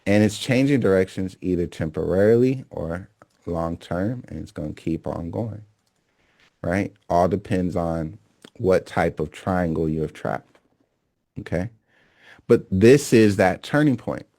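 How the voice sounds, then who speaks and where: A man's voice: sits low, a little slow, warm tone, dry recording, studio quality. A man teaching a recorded lesson on reading market charts. He talks emphatically, repeats key phrases and keeps checking in with "okay?" and "right?". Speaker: trading instructor.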